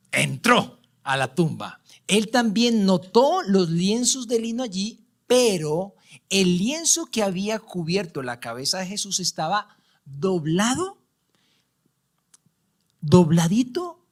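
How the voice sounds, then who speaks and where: A man with a Colombian accent preaching a sermon as pastor, reading scripture with dramatic swings from loud emphasis to hushed whispers. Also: high-pitched. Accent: Colombian Spanish. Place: church.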